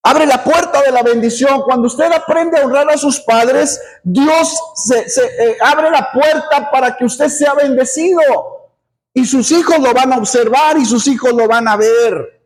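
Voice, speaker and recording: A middle-aged man preaches from the pulpit in a strikingly high voice. His delivery is earnest, circling back on words and adding an amen as he makes his point. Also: a little slow. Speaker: pastor. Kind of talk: sermon.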